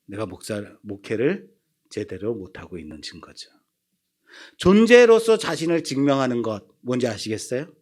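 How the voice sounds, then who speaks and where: A man's voice: medium pitch, huge pitch swings, moderate pace, darkish tone. A man in his fifties, a pastor preaching a sermon, telling stories with self-deprecating humor.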